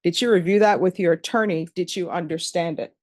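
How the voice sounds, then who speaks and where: A woman judge in a courtroom recording, formally reading case numbers and charges in a measured, procedural way. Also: fairly low pitch, a little mellow, dry recording. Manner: measured, procedural, repeats formulaic questions.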